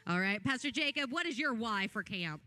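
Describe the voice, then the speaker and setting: A woman's voice: on the high side, animated, a little fast, sharp tone, faint music behind. A woman hosting a hot wings challenge, upbeat and playful as she brings each guest in. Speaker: host.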